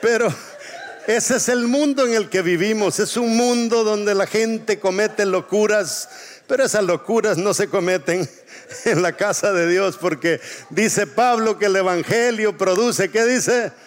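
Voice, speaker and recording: Male pastor preaching, has folks repeat after him, stretches words out, voice on the higher side. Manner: call-and-response preaching, drawn-out emphasis. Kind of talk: sermon.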